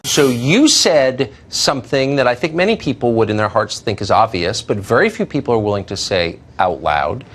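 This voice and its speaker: A man's voice: mid-range voice, big pitch swings, normal speed, hardly any pauses, a bit bright. A man interviewing a guest in an earnest, conversational way, sometimes restarting his sentences.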